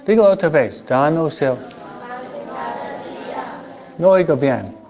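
Priest, man; slow, questioning catechism talk to kids, acts out small dialogues; muffled recording. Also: on the high side, expressive, crowd noise. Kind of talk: catechism talk to children and parents. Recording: dull lo-fi recording.

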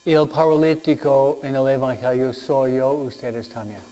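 A man speaking as a priest in solemn church delivery, reading scripture and preaching with deliberate phrasing and frequent pauses. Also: medium pitch, fairly even intonation, mellow, lo-fi sound. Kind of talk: solemn Gospel reading and homily.

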